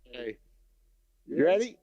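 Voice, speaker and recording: A man's voice: fairly high pitch, very animated, takes it slowly, warm tone, no room sound, muffled recording. A man in an apartment on a livestream call, answering tersely and defensively. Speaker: guest defending himself. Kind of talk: livestream discussion.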